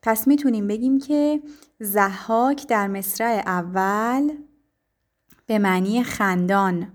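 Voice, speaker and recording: A woman teacher explaining poetry to her students, speaking patiently with frequent pauses and fillers. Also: mid-range voice. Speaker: literature teacher.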